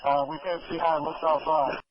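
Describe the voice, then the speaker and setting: A man working as a firefighter, giving halting, polite reports over a two-way radio. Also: on the high side, flat delivery. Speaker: firefighter crew officer. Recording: noisy, dull fireground radio transmission. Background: radio noise, fireground ambience.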